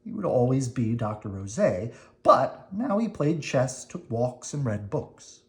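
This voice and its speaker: Someone reads a children's picture book aloud deliberately and expressively, adding dramatic emphasis and short explanations of words for young listeners. The voice is medium-pitched with big swings in pitch.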